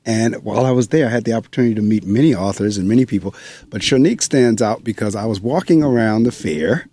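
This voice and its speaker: A middle-aged man hosts a radio book show in a relaxed, chatty way, with the odd filler as he goes. His voice sits low, and the studio sound is close and dry. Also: quick pace, no echo. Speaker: radio show host and school principal. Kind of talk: radio interview introduction. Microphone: studio microphone.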